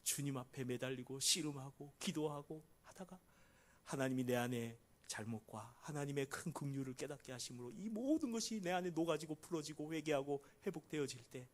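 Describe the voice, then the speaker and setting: A middle-aged man preaching a sermon as pastor, acting out quoted prayers with big shifts from loud cries to hushed pleading. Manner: dramatic, acts out quoted prayers with big swings in pitch and volume.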